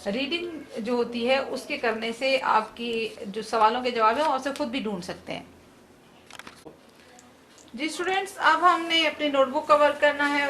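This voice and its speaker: Woman teacher, online class, high bright voice, reads out answers and explains terms, faint background noise.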